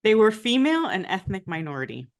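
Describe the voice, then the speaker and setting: This woman talks quickly in a mid-range, very animated voice while recounting her story in a conversational interview. A former diplomat from the United States whose family comes from Nicaragua, she leans on frequent "right?" tags.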